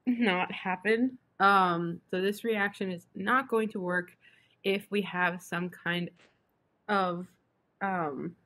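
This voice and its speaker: A woman's voice: mid-range voice, steady tone, slow pace, pushed and bright. A young woman tutoring chemistry online, hiccuping and breaking off with apologies as she explains. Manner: apologetic, self-interrupting with "excuse me".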